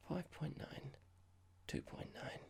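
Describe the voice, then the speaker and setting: In a whispered ASMR roleplay, a performer plays a horrible, condescending office boss, asking pointed, patronising questions in a slow, mock-polite way. The voice sounds natural, and the mood is smug and reproachful.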